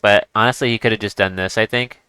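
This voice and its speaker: A man's voice: fairly low pitch, steady tone, fast talker, pushed and bright, clear, resonant tone, dry recording. A man giving casual chess commentary as he plays, thinking aloud and restarting his sentences. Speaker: chess streamer.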